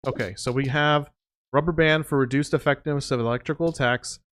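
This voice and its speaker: A man livestreaming a game, giving casual commentary and musing out loud as he plays. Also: on the high side, fairly even intonation, fast. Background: music.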